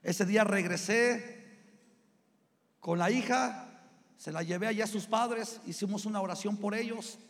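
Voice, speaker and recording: A man's voice: sits high, a little slow, long pauses. A man with a Mexican Spanish accent, a pastor preaching a sermon with a personal story, talking conversationally to the congregation as brothers. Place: church sanctuary. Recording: long hall reverb.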